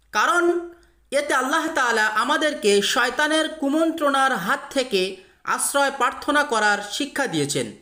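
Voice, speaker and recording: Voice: sits high, pushed and bright, roomy sound. A Quran teacher who patiently spells out each letter and vowel, explaining step by step and drawing out the vowels when reciting.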